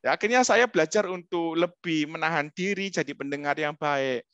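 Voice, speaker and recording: A middle-aged man giving a humorous, animated talk as a webinar guest speaker, speaking straight to his listeners. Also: a little high, normal speed, clean tone, no room sound, lo-fi sound. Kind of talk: lively storytelling talk.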